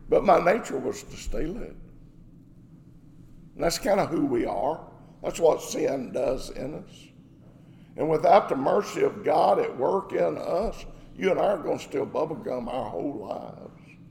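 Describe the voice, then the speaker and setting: A man's voice: a little high, animated, unhurried, creaky, a little mellow, in a large hall, a little hiss or hum. A man preaching a sermon as pastor, emphatic, asking rhetorical questions.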